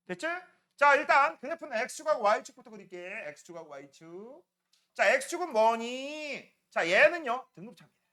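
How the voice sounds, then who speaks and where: A man teaching a middle school science class, quizzing students by name and checking in constantly as he works through problems in a classroom. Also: very high voice. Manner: lively, swings between loud and quiet.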